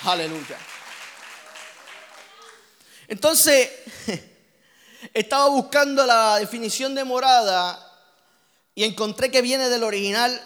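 A man's voice: extremely high pitch, a little slow, long pauses, a bit bright, some chatter behind. A man preaching a sermon with impassioned, rhythmic repetition that swells into near-singing.

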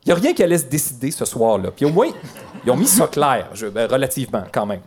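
A man's voice: mid-range voice, sing-song, quick pace, a little mellow. A man with a Quebec French accent giving a humorous presentation to an audience, with ironic, playful asides.

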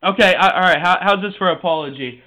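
A man in his twenties with a nasal voice, calling someone and needling them in a calm, taunting way. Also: high-pitched, fast, rough recording. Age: 20s. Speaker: caller. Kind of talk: provoking phone call.

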